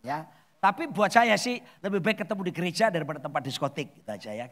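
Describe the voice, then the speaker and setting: Male pastor, sermon, lively pitch, bright forceful tone, loud then soft. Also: fast. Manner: animated, swings between loud exclamations and soft asides. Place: church hall.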